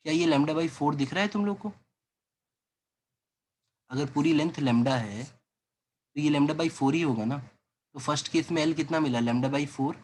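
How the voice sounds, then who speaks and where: Husky Hindi-speaking physics teacher. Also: male voice, a little high, measured pace, long pauses, darkish tone. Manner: coaxing, voices student doubts, calls listener beta. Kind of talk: classroom lecture.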